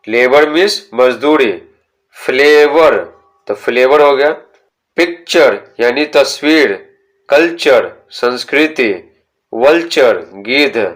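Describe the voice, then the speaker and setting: A male teacher talks students through a textbook chapter. He reads each English sentence slowly and carefully before explaining it. He keeps asking the class questions and then answers them himself. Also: mid-range voice, a bit bright. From India.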